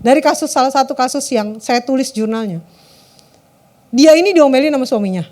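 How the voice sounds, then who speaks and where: A woman gives a conversational sermon to a youth service, often addressing the audience and letting phrases trail off low. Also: animated, a little fast. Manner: conversational, keeps addressing the audience, lets phrase ends drop low and soft.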